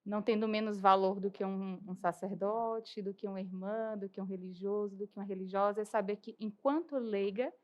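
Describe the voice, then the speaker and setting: A woman's voice: mid-range voice, steady tone, a little fast, few pauses, a little mellow, muffled recording. A young woman from Bahia with a Bahian accent, a podcast interview guest who explains church matters earnestly and articulately, often adding tag questions. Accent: Bahian Portuguese. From Bahia, Brazil. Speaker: guest, lay church worker and lawyer.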